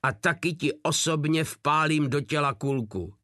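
A man's voice: bright, forceful tone, dry recording, studio quality. A man voicing a nervous, pompous German sergeant who blusters and panics. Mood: blustering. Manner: nervous and shrill.

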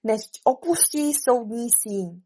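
A blustering old king presides over a storybook trial, stern and self-important, barking orders and threats. A woman acts him out with a mellow, slightly breathy voice pitched above her usual one. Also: expressive. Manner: pompous and stern.

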